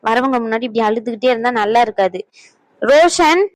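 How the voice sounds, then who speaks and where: A woman's voice: on the high side, expressive, fairly quick, dry recording, close to an everyday voice. A woman voicing a young married daughter in a cartoon, sulky and complaining. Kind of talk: cartoon voice acting.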